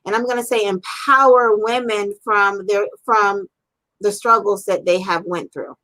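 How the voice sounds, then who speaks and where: A woman's voice: medium pitch, fairly even intonation, measured pace, bright, forceful tone, low-quality recording. A woman hosting a live-streamed interview, talking in an effusive, upbeat and encouraging way. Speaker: interview host.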